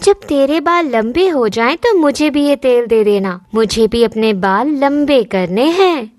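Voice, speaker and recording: Gossiping cartoon teen girl, snappy and teasing; woman voices her. High, dry. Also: animated, unhurried, a little mellow, dry recording. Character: gossiping teenage girl friend, quick to anger. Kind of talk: cartoon dubbing.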